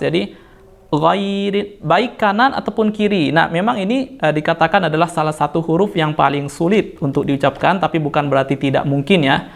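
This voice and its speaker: A man with an Indonesian accent, teaching Quran recitation rules and slowly chanting verses between patient explanations. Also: a little high, vocal fry. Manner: patient, corrects mistakes step by step with fillers. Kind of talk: tajwid lesson with slow chanted recitation.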